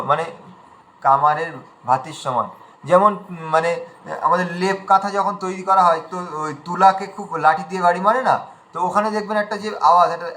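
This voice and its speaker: A man with a high, bright voice leads an online recitation class. He explains patiently in plain talk and chants each verse line slowly and drawn out to demonstrate it. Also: poor audio. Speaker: recitation teacher.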